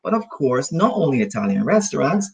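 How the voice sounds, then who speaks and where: A man leads an online English class over a video call. His pitch rises and falls a lot, and his voice has a slightly husky grain. He explains patiently, repeating each point and circling back with synonyms. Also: big pitch swings, a little mellow, poor audio. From Barbados. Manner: explains slowly with many repetitions and synonyms. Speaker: English teacher.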